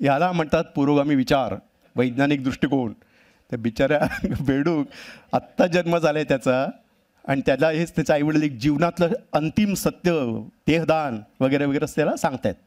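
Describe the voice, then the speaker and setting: A cartoonist giving a wry, humorous storytelling talk on a festival stage. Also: male voice, a little high, a little fast, a little mellow. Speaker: cartoonist speaker. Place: live event stage.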